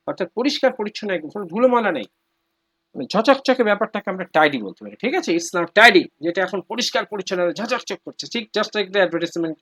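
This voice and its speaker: A man's voice: high voice, a bit bright. A man teaching English to children in an online class, firm and repeating his prompts, heard over a video call.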